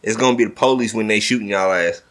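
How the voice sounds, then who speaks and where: A man's voice: on the low side, fast, very noisy. A young adult man, co-hosting a casual podcast, exclaiming in disbelief at where the talk has gone. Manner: incredulous, exclaiming. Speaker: podcast co-host. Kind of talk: casual chat.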